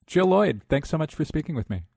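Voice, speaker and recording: A man's voice: on the high side, sing-song, fairly quick, vocal fry, a little mellow, no echo, clean studio sound. A man hosting a podcast interview, phrasing his questions carefully and correcting himself as he goes. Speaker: podcast host.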